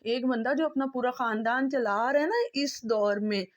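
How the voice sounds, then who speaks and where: A woman's voice: a little high, moderate pace. A woman vlogger from Pakistan speaking an impassioned, pleading monologue, emotional and close to tears, driving her points home by repeating them. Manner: impassioned, pleading, repetitive emphasis.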